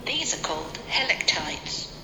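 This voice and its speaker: A woman giving a calm, scripted audio tour narration, played over a speaker and echoing through a cave. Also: lowish voice, measured pace. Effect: recorded guide played over a speaker, echoing through a cave. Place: underground cave. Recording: echoey cave with background noise.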